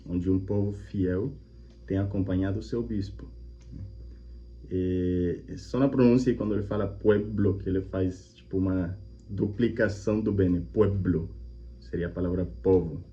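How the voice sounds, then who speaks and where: Warm, low and unhurried, this man's steady voice carries a casual reaction video where he, a Colombian channel host and language teacher, explains things in a friendly, chatty manner. He repeats examples and frequently checks in with "né?"; the recording is slightly muffled, with a faint hum.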